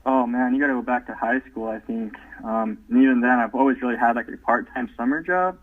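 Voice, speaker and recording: A man in his thirties, a guest in a casual interview, talking easygoingly with lots of "um" fillers over low-quality remote call audio. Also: fast talker. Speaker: podcast guest. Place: at home, away from the host. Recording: tinny phone-like remote line.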